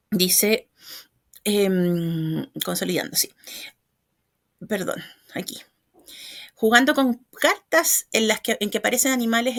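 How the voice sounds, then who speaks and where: A woman explains a lesson step by step, her voice a little gravelly with fry. She keeps checking in with her listeners through short tag questions. The sound is dry and close, with no room echo. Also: medium pitch. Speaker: educational trainer. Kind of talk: explanatory lecture.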